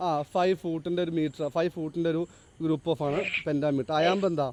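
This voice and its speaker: A male teacher giving a classroom lecture, explaining step by step, quizzing his students and reading English lines slowly and deliberately. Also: on the high side, steady tone, over music. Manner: explains, then asks the class to answer.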